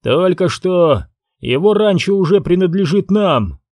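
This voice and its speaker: A man's voice: sits high, lively intonation, unhurried, a little mellow, no echo, studio quality, pitched above the performer's own voice, heavily acted. A man reading an audiobook, voicing a ruthless, domineering rancher boss who speaks in brusque commands.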